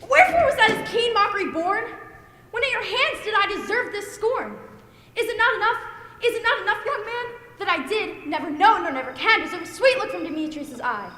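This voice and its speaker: A woman's voice: very high-pitched, big pitch swings, a little fast, few pauses, pushed and bright, exaggerated voice. A teenage girl playing a scorned, lovesick young woman in a school stage play, pleading in earnest, heard from a distant mic in an echoey hall. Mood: wounded. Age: teens. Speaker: student actor. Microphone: distant room mic.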